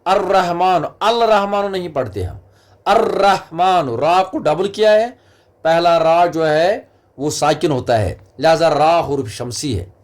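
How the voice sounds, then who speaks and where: A man teaching a lecture on Arabic letters, repeating each word slowly and carefully for students to follow. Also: high-pitched, darkish tone.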